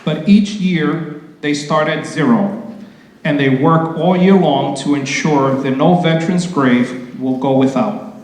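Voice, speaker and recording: A man's voice: on the high side, measured pace, darkish tone, a faint crowd, a little hiss or hum. A man emceeing a community ceremony, reading award citations formally and adding loose, casual asides. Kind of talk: public ceremony speech. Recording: very echoey hall with long reverb.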